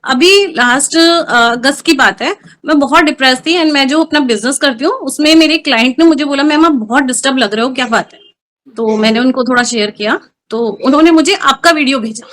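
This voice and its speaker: A middle-aged woman with a high voice tells her own story in an interview. She speaks earnestly and with feeling, dropping English words into her sentences as she goes. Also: fairly quick, fairly bright tone. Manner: emotional, earnest storytelling with Hindi-English mixing. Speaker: guest. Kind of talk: personal testimony interview.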